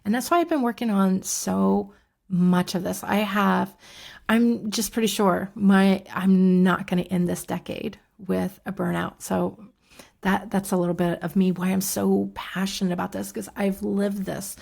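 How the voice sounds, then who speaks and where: A woman in her fifties, a somatic coach, walking through her program in a relaxed, casual way with frequent fillers and soft asides. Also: medium pitch, a little slow, vocal fry. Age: 50s.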